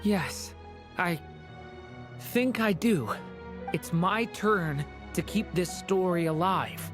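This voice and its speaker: A woman's voice: lowish voice, slow. A woman playing an earnest, wistful young boy who is growing up in a fantasy video game, youthful and hesitant. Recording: music clearly behind the voice.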